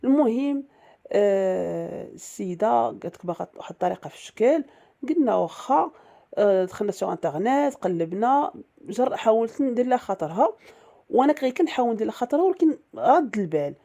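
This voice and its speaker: A woman's voice: on the high side, sing-song, fast talker, creaky, warm tone. A woman with a Moroccan accent narrating a first-person story in a chatty way, with many fillers and restarts.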